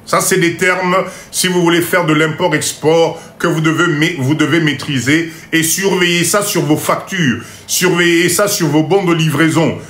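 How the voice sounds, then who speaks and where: A man giving a live class on import-export, going slowly, repeating each point, checking that everyone follows, and joking about his own English. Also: a little high, steady tone, a bit bright, roomy sound. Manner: mixes in Lingala phrases and jokes about his English. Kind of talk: live online lesson.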